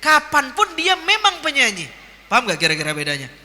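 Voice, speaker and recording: A male preacher with a high voice and very bright, sharp tone, speaking in a large hall that rings with long reverb. He teases and jokes with the crowd, asking questions and waiting for answers. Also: wildly swooping pitch, brisk. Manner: jokey and teasing, quizzing the crowd. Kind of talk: lively Ramadan sermon to an audience.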